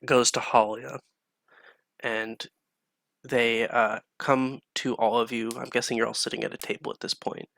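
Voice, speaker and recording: A man's voice: medium pitch, little pitch movement, moderate pace, creaky, a bit bright. A young man narrating a tabletop game as game master, improvising with hesitations and fillers.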